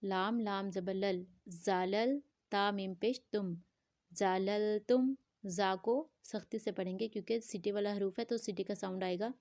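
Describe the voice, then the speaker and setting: A woman's voice: medium pitch, fairly even intonation, darkish tone, dry recording, studio quality. A woman teaching Quran recitation, spelling words letter by letter and drawing out the nasal sounds. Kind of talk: slow spelling-out tajweed lesson.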